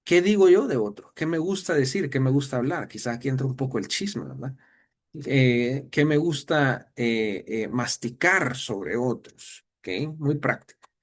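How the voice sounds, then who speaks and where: A man's voice: medium pitch, animated, measured pace. Salvadoran guy teaching bible on a video call, chatty, lots of "eh" and questions to the listener. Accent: Salvadoran Spanish. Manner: conversational, asks rhetorical questions, many fillers and restarts.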